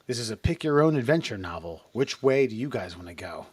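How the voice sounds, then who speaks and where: A man's voice: medium pitch, animated, brisk, husky. A man co-hosting a comedy podcast, talking in a wry, rambling way with many restarts. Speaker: podcast co-host. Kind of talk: casual comedic chat.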